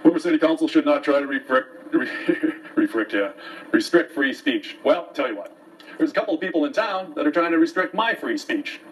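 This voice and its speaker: This local show host sounds fairly high-pitched, animated and brisk as he gives viewers an aggrieved, folksy, opinionated monologue, occasionally reading from papers. The recording is muffled, captured by a distant mic with faint background noise.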